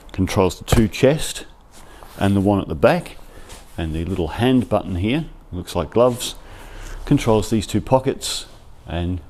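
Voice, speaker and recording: A man's voice: lowish voice, darkish tone, slight background noise. A man giving a casual, chatty product review in his workshop, thinking aloud as he goes, on a clip-on mic. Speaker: workshop vlogger. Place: cold workshop. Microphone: clip-on lapel mic.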